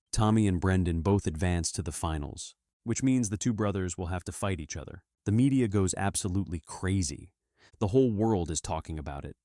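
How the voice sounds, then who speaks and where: Deep male voice, dry sound, steady dramatic narration, film recap. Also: no room sound. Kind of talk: scripted narration.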